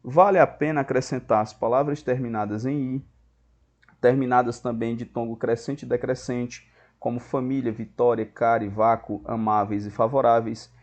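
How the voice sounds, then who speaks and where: A man's voice: medium pitch, steady tone, normal speed, darkish tone, lo-fi sound. A man, teaching a grammar lesson step by step and checking in with his students often. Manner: explains step by step, checks in with "beleza?".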